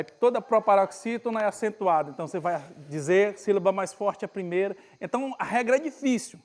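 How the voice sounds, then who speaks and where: A male pastor with a northeastern Brazilian accent preaching a conversational sermon at a retreat, acting out Bible scenes with lively everyday speech. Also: high voice. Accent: Brazilian Portuguese, northeastern.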